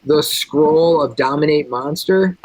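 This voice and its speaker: A man's voice: a little high, slow pace, a little mellow, no room sound, poor audio. A man playing a tabletop game, talking casually and thinking aloud through the rules.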